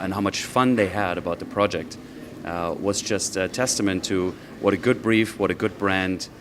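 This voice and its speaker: A man answering interview questions as a marketing executive on a judging panel, speaking in a measured way with occasional fillers. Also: sits low, slight background noise.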